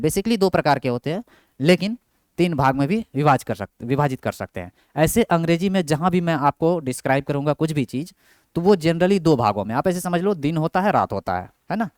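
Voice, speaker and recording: A man's voice: on the high side, dry recording, studio quality. A young man teaching a grammar class, who keeps asking his own questions and answering them. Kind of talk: Hindi grammar lesson with English terms.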